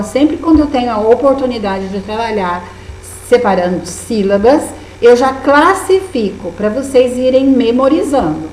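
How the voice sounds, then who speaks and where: Brazilian woman teacher guiding young kids through a workbook, slightly high and patient, recorded in an echoey room with light hum. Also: darkish tone. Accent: Brazilian Portuguese. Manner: patient, encouraging, with many diminutives. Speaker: primary school teacher. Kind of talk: remote lesson walking through a workbook.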